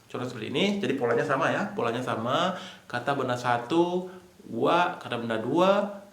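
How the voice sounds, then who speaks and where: A man teaching a casual online language lesson, explaining slowly step by step and repeating key points. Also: medium pitch, expressive, a bit bright. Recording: echoey room.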